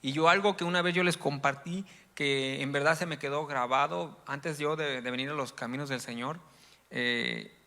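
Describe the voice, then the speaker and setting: Bright-voiced preacher in an echoing hall. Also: male voice, mid-range voice. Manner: rambling, frequent "¿verdad?" asides, rises to loud emphatic reading. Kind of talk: sermon. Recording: long hall reverb.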